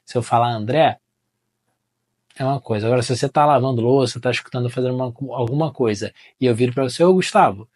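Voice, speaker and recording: A man's voice: medium pitch, steady tone, quick pace, a little mellow. Chatty Brazilian man teaching marketing. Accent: Brazilian Portuguese. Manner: conversational, often ends phrases with tag questions. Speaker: marketing educator. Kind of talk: casual explanatory talk to camera.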